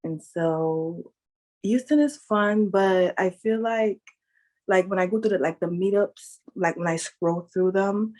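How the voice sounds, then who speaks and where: A woman's voice: lowish voice, darkish tone. A woman from New York City chatting casually on a group video call, filling her speech with "like". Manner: chatty, lots of "like". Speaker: participant in a singles group call. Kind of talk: casual chat. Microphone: video call, audio only.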